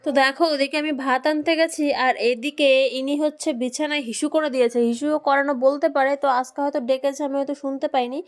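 A woman's voice: high-pitched, steady tone, fast talker, few pauses. A woman with a Bengali accent chatting casually to viewers in a daily vlog, talking to her small child as she goes. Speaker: vlogger.

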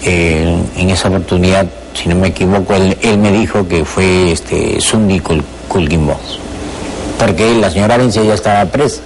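A man's voice: low voice, moderate pace, slight background noise. A middle-aged man with a Peruvian Spanish accent, a former lawyer who is a guest in a TV studio interview and speaks hesitantly, with many fillers and repeated words. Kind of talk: television interview. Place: television studio.

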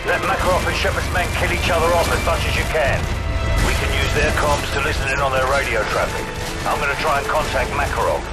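A man with a British accent playing a gruff, commanding special forces captain who gives terse orders in a military shooter game. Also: fairly high pitch, fast talker, loud music behind the voice. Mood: grim, defiant. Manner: terse, blunt, barking orders. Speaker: squad leader. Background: loud action score, gunfire, vehicles.

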